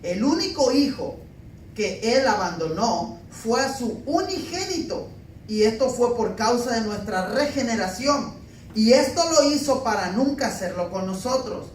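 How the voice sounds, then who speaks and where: A man's voice: extremely high pitch, lively intonation, measured pace. A man preaching a sermon with emphatic swells and wry, down-to-earth asides. He is picked up from some distance in a reverberant church hall, with a faint hiss behind him. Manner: emphatic preaching mixed with homey humor and anecdotes. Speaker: pastor. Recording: echoey room, mic at a distance, faint background noise.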